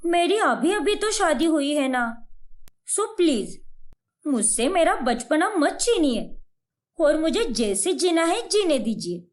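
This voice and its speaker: A woman's voice: high-pitched, big pitch swings, slow, heavily acted. A woman voicing a bubbly, childish young bride in a cartoon story. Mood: pleading. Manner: pleading, sweet. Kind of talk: cartoon voice acting.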